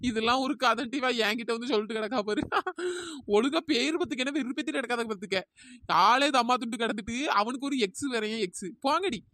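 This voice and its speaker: A woman's voice: a little high, fast talker, a bit bright, no echo, studio quality, lightly acted. A woman voicing a scolding, mocking older village woman in a cartoon.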